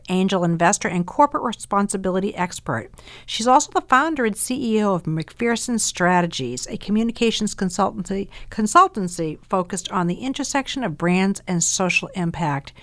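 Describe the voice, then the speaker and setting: A woman radio host with a Boston accent, recorded close and dry. She speaks in a chatty, informal manner at an average pitch, moving between show introductions and interview questions. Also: no room sound.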